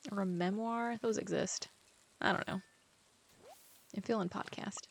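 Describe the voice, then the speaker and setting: Chatty woman with a gravelly edge. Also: mid-range voice, fairly even intonation, measured pace, slight background noise. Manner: rambling, chatty, heavy use of "like". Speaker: author playing a farming game. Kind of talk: casual gameplay chat.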